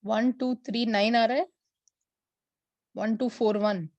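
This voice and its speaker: A woman physics teacher, mixing Hindi and as she teaches an online class and slowly repeats numbers for her students. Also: fairly high pitch, fairly even intonation, darkish tone, no echo, muffled recording. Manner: mixes Hindi and English.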